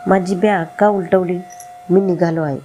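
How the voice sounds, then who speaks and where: A woman's voice: fairly low pitch, fairly even intonation, normal speed, background noise, close to an everyday voice. A woman voicing a sulking young husband in a story reading. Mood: sulky. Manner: petulant, sulking. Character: sulky young husband, demanding attention.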